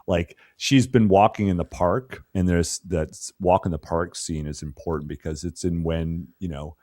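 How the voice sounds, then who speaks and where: Low voiced guy rambling about a movie on a podcast, lots of you know, dead dry sound. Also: fairly even intonation, moderate pace, warm tone, dry recording. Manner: loose and profane, with many "you know" fillers. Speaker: podcast co-host. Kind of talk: casual film discussion.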